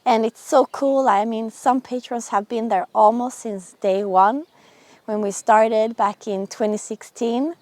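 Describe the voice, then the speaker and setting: A woman's voice: on the high side, steady tone, unhurried, darkish tone, dry recording. Woman vlogger, close dry sound. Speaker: sailing and boat-building vlogger, host. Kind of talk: casual talk to viewers.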